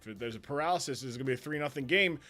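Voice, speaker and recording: A man's voice: medium pitch, very fast. Guy hosting a league stream, rambly play-by-play, bit of music behind. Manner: rambling and excitable, laughs often. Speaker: league commissioner and host. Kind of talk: live stream match commentary.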